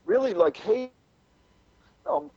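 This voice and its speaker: A man's voice: very high voice, animated, vocal fry, darkish tone, husky, no echo. Man on a glitchy, cutting-out call. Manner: halting, with many repeated words. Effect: glitchy audio that keeps cutting out. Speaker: discussion participant. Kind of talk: casual group discussion. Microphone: video call. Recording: dull, dropout-prone video call audio.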